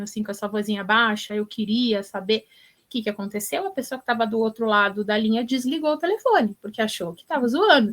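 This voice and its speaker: A woman teacher answering interview questions, telling stories in an animated, encouraging way. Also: fairly high pitch. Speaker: teacher and education influencer guest.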